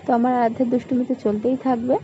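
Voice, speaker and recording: A woman narrating her vlog in a quick, casual voice-over. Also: a little high, flat delivery, dark tone, soft background music. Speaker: vlogger. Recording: dull, slightly noisy voice-over.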